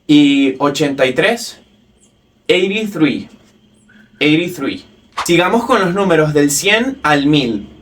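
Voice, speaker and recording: Slow, high-voiced man teaching a lesson. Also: lively intonation, fairly bright tone, far from the mic. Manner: slow, careful drilled pronunciation of English words. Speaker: English teacher. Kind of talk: step-by-step language lesson.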